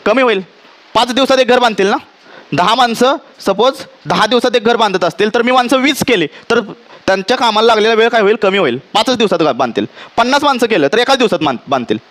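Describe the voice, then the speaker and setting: A man with a Marathi accent teaching physics to a classroom, checking often whether students understand and dictating definitions slowly. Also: sits high, lively intonation, a bit bright. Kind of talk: classroom lecture.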